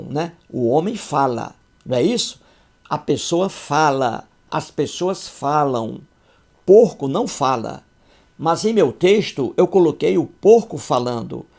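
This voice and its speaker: A man's voice: fairly high pitch, darkish tone. A man teaching a Portuguese grammar lesson, repeating his examples and checking understanding with short questions.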